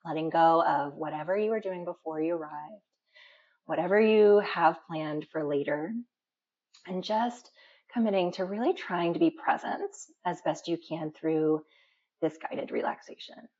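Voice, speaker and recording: Guiding listeners through deep relaxation, a female instructor talks in a calm, instructive way and pauses slowly. Sound quality is muffled, dull and lo-fi.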